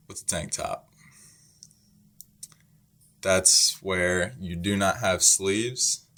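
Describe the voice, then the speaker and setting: A young man from the United States slowly explaining English words to learners, patient, repeating words, with many ums. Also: low-pitched, a bit bright. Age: young adult. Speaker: English teacher. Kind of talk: slow, simple ESL explanation.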